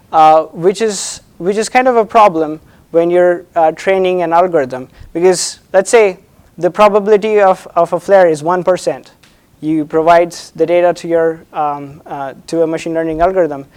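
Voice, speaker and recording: A man presenting an academic thesis defense as a doctoral candidate, hesitant and halting, often repeating words and checking in with "right?". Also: high-pitched, darkish tone, smooth.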